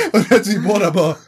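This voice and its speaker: A man telling a travel story in casual chat, with lively delivery and frequent laughter. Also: high voice, slightly rough.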